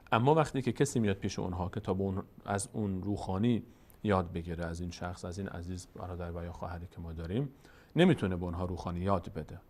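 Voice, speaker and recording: A man with a fairly low voice leads a patient recitation lesson. He repeats each rule, asks himself simple questions and answers them, and draws out syllables slowly to demonstrate them. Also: darkish tone. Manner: patient and repetitive, stretching out sounds when demonstrating. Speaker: Quran reading teacher.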